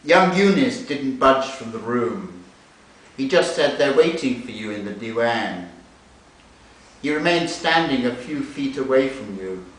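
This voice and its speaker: With an expressive, medium-pitched voice and a measured pace, a literary translator introduces a novel and reads an excerpt at a live event in a library room. The recorder sat away from him, so the sound is echoey and hissy.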